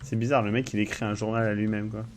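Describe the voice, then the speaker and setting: A man's voice: on the low side, little pitch movement, fast. Chatty young man streaming a game. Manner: chatty, swears often, reads text aloud. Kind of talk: casual live-stream commentary.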